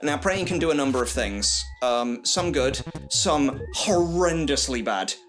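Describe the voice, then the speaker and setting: Wry man with a lively voice. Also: medium pitch, measured pace, soft background music. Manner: dry, wry, meandering with fillers. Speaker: let's play player and host. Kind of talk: casual gaming commentary.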